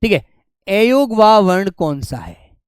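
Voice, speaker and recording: A man teaching an online grammar class, fondly calling his students "beta" and repeating key words slowly for them to write down. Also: sits high, big pitch swings, clear, resonant tone, dry recording. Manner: affectionate, calls students "beta" and "my dear children".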